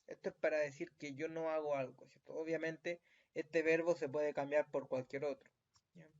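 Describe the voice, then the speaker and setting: In a dull, lo-fi recording, a man speaking Chilean Spanish delivers a taped lesson. His voice is on the high side with little pitch movement and a moderate pace. Patiently, he pauses after nearly every point to check on the listener with frequent tag questions.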